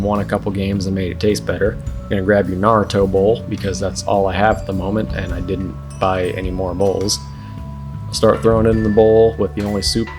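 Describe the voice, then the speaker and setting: A man's voice: on the low side, far from the mic. A man chatting casually as a cooking vlogger, rambling and self-deprecating. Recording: roomy echo, off-mic, music behind.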